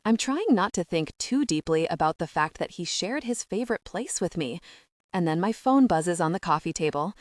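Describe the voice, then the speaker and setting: Woman narrator, lowish voice, expressive first-person romance reading, dry close mic. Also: normal speed, no room sound. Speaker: audiobook narrator.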